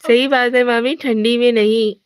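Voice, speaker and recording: A woman's voice: fairly high pitch, fairly even intonation, moderate pace, a crowd in the background. A woman with an Awadhi accent hosting a casual family live stream, teasing and laughing often. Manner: playful teasing, laughs often, chants greetings.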